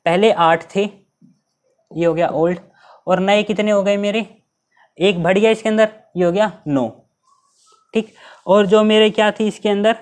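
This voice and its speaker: A man's voice: high voice, steady tone. A male teacher giving an exam-prep math lesson, explaining each step and asking his students rhetorical questions. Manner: reads English questions slowly, mixing Hindi and English.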